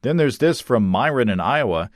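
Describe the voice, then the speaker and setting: A man's voice: mid-range voice, lively intonation, normal speed, no echo, studio quality. A man hosting a podcast, reading listener notes aloud in an easygoing, chatty way. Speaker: podcast host.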